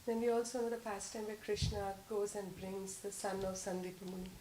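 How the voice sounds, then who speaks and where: A woman's voice: medium pitch, level tone, a little fast, background noise. Hesitant woman asking a question. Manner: hesitant, many fillers. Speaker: audience member asking a question.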